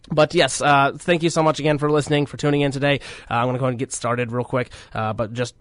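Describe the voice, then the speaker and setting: This is a sick young man in his twenties running a college radio show, his voice noticeably deeper than normal. His easygoing talk wanders, full of restarts and filler words and self-deprecating humor, with no room sound around it.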